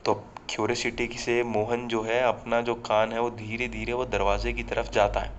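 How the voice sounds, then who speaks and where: A man's voice: mid-range voice, flat delivery, moderate pace, slight background noise. A man casually telling a horror story, talking directly to listeners, on a slightly muffled recording. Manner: conversational, addresses listeners directly.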